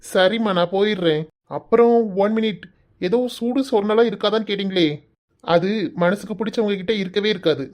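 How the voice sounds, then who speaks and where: A gentle young office boss in a cartoon, with a woman doing the part. He talks quickly and keeps coaxing and reassuring the people around him. His pitch sits in the middle. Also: lightly acted. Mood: teasing. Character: young male office boss, kind and persistent suitor. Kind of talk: cartoon voice acting.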